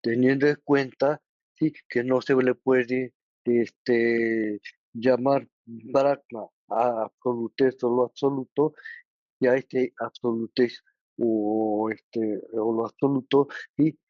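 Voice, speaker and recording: Man, Mexican Spanish accent, slow deliberate teacher, dry dull lo-fi recording. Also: mid-range voice, fairly even intonation, no room sound. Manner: checks understanding with frequent tag questions; halting, with many restarts and filler words. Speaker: study group teacher. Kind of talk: explanatory lesson.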